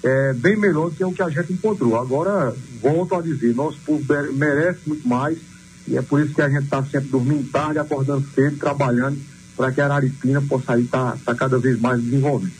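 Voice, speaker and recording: Politician on a phone line. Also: male voice, mid-range voice, a little fast, a little mellow, a little hiss or hum. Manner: formal political talk, many hesitations. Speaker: city council president. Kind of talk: phone interview on radio.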